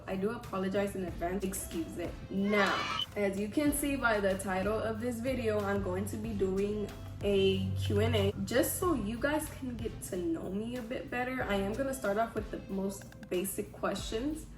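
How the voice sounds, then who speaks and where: A woman in her twenties from Houston, Texas, chatting casually and self-deprecatingly to viewers in slangy speech, her voice affected by a cold. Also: medium pitch. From Houston, Texas, USA. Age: 20s. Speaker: vlogger. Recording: echoey room, music underneath.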